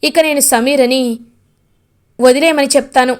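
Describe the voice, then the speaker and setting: A woman voicing an earnest young man speaking calmly and sincerely. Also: high voice, a little slow. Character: earnest young man declaring new love.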